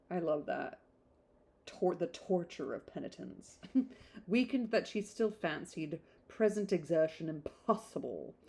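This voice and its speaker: A woman podcast host reads a classic novel aloud in a slightly low, dark-toned voice. Her informal audiobook delivery is conversational, broken up by chatty, rambling asides to the listener that wander off on tangents.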